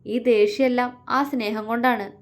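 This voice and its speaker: An emotional young wife in a storybook romance , read by a woman. She talks earnestly in a high voice, pleading with her husband. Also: steady tone, normal speed, natural voice. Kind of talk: storytelling dialogue.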